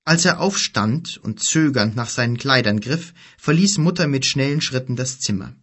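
A man narrating a storybook with even, expressive reading. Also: medium pitch, normal speed, breathy edge. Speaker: audiobook narrator.

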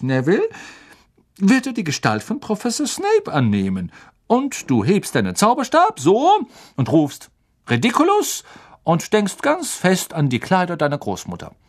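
A man reading aloud and voicing a good-humored, kindly middle-aged male professor who coaxes a nervous pupil in a cheerful, drawn-out way. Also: high-pitched, huge pitch swings, voice pushed up, exaggerated voice. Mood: cheerful coaxing. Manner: cheerful, coaxing, drawn-out questions.

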